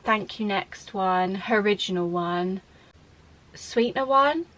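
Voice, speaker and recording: A woman's voice: medium pitch, unhurried, a bit bright, low-quality recording. A young woman chatting at home in a rambling, bubbly Q&A vlog, laughing often and a little out of breath. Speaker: vlogger. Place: at home, indoors.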